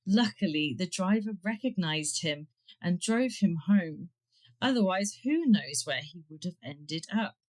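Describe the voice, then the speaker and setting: Lady reading out a history podcast script, kinda low voice, dry little jokes here and there. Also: lively intonation, a little slow. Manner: wry asides. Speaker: podcast narrator. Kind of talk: scripted narration.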